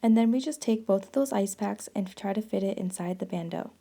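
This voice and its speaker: A young woman narrates a casual how-to in a very soft-edged, dark voice with plenty of vocal fry. Her pitch is average, and music plays lightly behind her. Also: brisk. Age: 20s. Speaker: vlogger narrating a demonstration.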